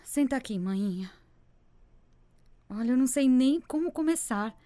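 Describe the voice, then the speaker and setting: A woman's voice: high voice, lively intonation, normal speed, warm tone, no room sound. A woman voicing an anxious, emotional young pregnant woman in an amateur radio drama, pleading and upset. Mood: distressed.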